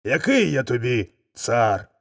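A man voicing a humbled, frightened male lion in a folk tale reading, with a gravelly, husky voice. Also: mid-range voice, sing-song, slow, full character voice. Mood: scared, gloomy. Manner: gloomy, whispering in fear.

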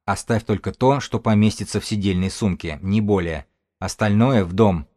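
Guy reading as a tough young survivor woman, barks orders, harsh and low. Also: normal speed, mellow, lightly acted. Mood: commanding. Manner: harsh, commanding. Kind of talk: audiobook character reading.

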